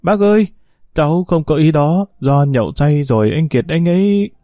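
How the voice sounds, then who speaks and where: A man's voice: medium pitch, fairly quick, no echo, studio quality, close to an everyday voice. A man voicing a scheming, pregnant young woman who pleads and whines in an audiobook story. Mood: pleading. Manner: whiny, pleading, sharp when crossed. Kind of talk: audiobook character voice.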